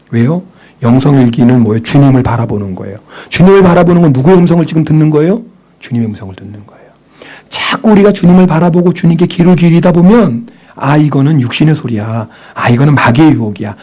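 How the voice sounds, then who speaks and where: A male pastor preaching in a slightly raised, husky voice. He throws questions to the congregation and answers them himself, then falls to a hush for inner thoughts. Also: a little high. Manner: drops to a whisper for inner thoughts. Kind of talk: sermon.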